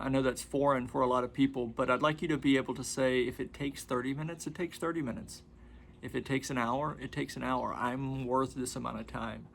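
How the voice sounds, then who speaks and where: A man in his forties with a gravelly, creaky voice at an ordinary middle pitch gives a casual talk as a relaxation and massage instructor. He rambles in an easygoing, conversational way and pauses often. A faint hum of room ambience sits behind him. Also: a bit bright. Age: 40s. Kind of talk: casual spoken introduction to guided relaxation. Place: room with a padded floor mat.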